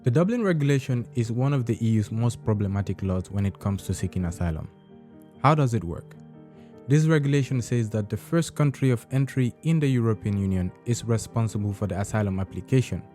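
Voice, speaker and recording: A man hosting a podcast, reading scripted documentary narration in a measured, explanatory way. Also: on the low side, expressive, warm tone, faint music behind.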